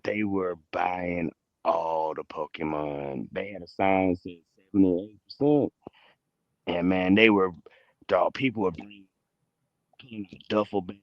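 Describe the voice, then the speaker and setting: Slow low man, voice cutting in and out. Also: no room sound. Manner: laid-back, drawling, full of fillers like "man". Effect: voice cutting in and out over a bad call line. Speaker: vendor and show regular. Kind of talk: casual chat on a call. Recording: muffled, lo-fi call audio dropping out.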